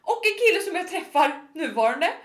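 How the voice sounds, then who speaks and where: A woman's voice: extremely high pitch, echoey room. A woman in her twenties, swearing freely and acting out quotes as she tells a story in casual chat. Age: 20s. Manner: animated, swearing, acts out quotes.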